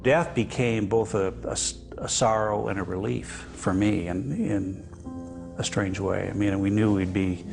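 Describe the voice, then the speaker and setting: A low, gravelly older man speaks in a measured, hesitant way, pausing often as he reflects in a television interview. Faint music sits softly behind his voice. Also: steady tone. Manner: measured, hesitant with frequent fillers. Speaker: interview guest.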